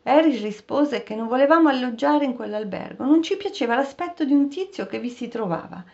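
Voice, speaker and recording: A woman narrating a story aloud as an audiobook reader, in a steady, expressive storytelling manner. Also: high voice, fairly quick. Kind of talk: scripted narration. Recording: dull, muffled recording.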